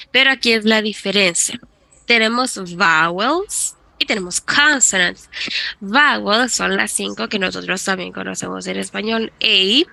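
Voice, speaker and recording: A woman's voice: medium pitch, gravelly, sharp tone, no room sound. A woman teaching an English class in Spanish, patiently explaining grammar rules step by step and switching between Spanish and English.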